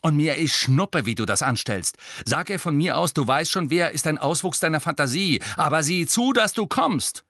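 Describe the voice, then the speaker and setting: A man's voice: medium pitch, big pitch swings, a little fast, few pauses, dry recording, clean studio sound, pitched above the performer's own voice. A man doing a furious teen girl captain. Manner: angry, scolding, hissing. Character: furious bossy teenage girl team captain.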